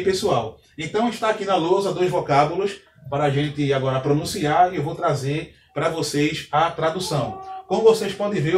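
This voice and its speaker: A man's voice: fairly high pitch, slight background noise. A man teaching a Hebrew lesson at a whiteboard, explaining patiently and checking in with his students often. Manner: patient, explanatory, frequent "tá ok, pessoal?". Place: classroom with a whiteboard. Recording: echoey room, mic at a distance, faint ambience.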